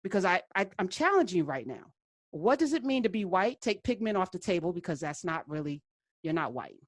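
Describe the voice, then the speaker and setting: A woman's voice: fairly low pitch, very animated, brisk, dry recording, clean studio sound. An American woman hosting a call-in debate, speaking conversationally in an assertive, challenging way with emphatic repetitions. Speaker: call-in show host.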